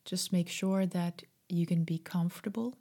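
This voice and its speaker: A woman guiding a meditation in a soft, breathy, half-whispered voice, gentle, soothing and unhurried. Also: lowish voice. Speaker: meditation guide. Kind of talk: slow guided meditation.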